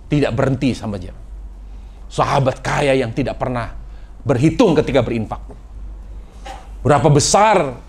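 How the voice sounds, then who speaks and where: A man preaching a sermon to a congregation, dramatic, swinging between loud exclamations and hushed, near-whispered lines. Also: mid-range voice.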